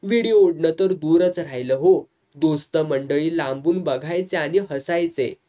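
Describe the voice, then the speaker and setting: Lively, slightly high male storyteller. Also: unhurried. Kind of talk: Marathi story narration.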